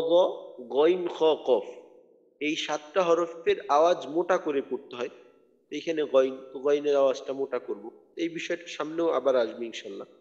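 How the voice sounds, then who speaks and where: A man teaching Quran recitation, patiently spelling out letters and drawing out words slowly. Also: a little high. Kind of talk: tajweed lesson. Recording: dull audio with long hall reverb.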